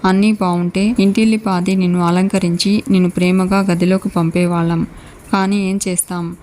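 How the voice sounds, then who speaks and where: A woman's voice: lowish voice, level tone, normal speed, darkish tone, close to an everyday voice. A woman voicing a kindly middle-aged mother-in-law who comforts her new daughter-in-law in a soothing, affectionate way. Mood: tender.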